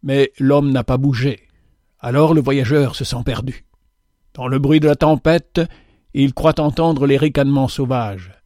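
A man giving a slow, theatrical reading of a moral parable in a preacherly manner. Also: medium pitch, dark tone, no room sound, studio quality. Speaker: narrator.

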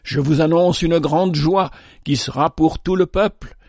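A man's voice: fairly high pitch, unhurried, darkish tone, no echo, studio quality, voice pushed up. A man voicing a kind, devout male shepherd in a read-aloud story, speaking earnestly and pleadingly. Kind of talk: storybook reading.

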